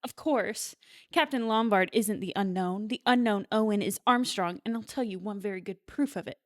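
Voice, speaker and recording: A woman's voice: mid-range voice, normal speed, no room sound, clean studio sound, lightly acted. A woman reading the part of a poised young woman, a schoolteacher type, in a plain reading. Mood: earnest.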